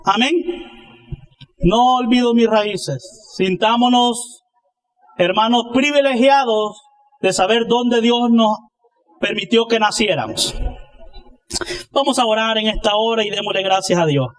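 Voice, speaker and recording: A pastor preaches a sermon in a high-pitched, unhurried voice marked by long pauses, and the audio quality is poor. He speaks emphatically, building his points by posing rhetorical questions to his congregation and answering them.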